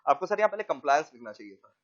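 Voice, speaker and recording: Student, male, respectful but accusing, as the teacher puts him on; high-ish voice, muffled lo-fi sound. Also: big pitch swings, racing, fairly bright tone. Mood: complaining. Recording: dull lo-fi recording.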